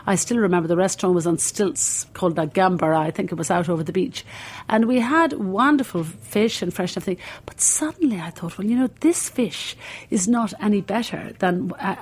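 An older Irish woman with a low-ish, husky voice speaks briskly. A cookery school founder appearing as an interview guest, she tells long, rambling stories packed with fillers.

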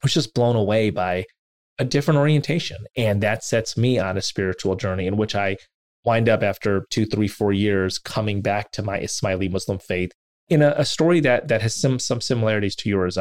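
A man hosting an interview, telling a personal story in an earnest, self-deprecating way, with animated quoted asides. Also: lowish voice, brisk, no room sound. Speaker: interviewer and podcast host.

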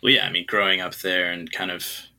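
Fairly quick and low-sitting, his voice is gravelly, bright, and forceful, with a level tone. He's a young New Zealander who grew up in China, appearing as a guest musician in a casual interview, where he rambles hesitantly with many fillers.

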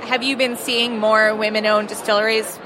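A woman's voice: on the high side, little pitch movement, moderate pace, a crowd in the background. A woman interviewer asking friendly, loosely worded questions at a busy food market. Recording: noisy market background.

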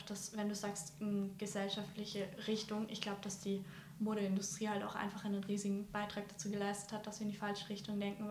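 A woman's voice: mid-range voice, roomy sound, slight background noise. A woman speaking candidly and hesitantly about her own experience, often searching for words. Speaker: guest sharing a personal recovery story. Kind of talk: candid personal conversation.

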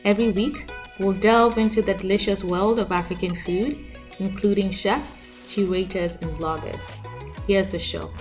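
A woman's voice: medium pitch, fairly even intonation, moderate pace. A woman hosting a podcast, reading its scripted introduction. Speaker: podcast host. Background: faint music.

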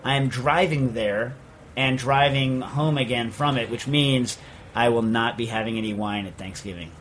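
A man's voice: medium pitch, moderate pace, a bit bright, a little hiss or hum. A man hosting a casual radio show from a studio, joking and rambling with lots of fillers. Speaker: host.

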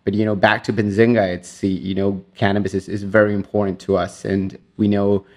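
Argentine man, low voice, energetic interview guest. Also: fairly quick. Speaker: guest, media executive. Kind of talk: interview conversation.

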